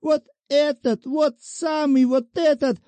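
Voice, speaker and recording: A man voicing a shrill, wheedling old woman petitioner in a high falsetto. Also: fairly even intonation, slow, mellow, no room sound. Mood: complaining.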